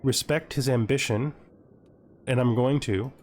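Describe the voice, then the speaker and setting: Music plays under a man's unhurried, mid-range voice as he narrates a video game playthrough casually, voicing his thoughts and reading on-screen text. A slight hiss or hum is present in the audio.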